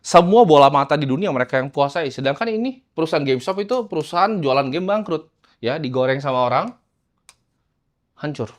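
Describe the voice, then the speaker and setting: A man's voice: on the high side, lively intonation, a little fast. Man lecturing on investing. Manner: talks in short bursts, tags lines with "ya". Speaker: investing teacher. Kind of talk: casual lecture over slides.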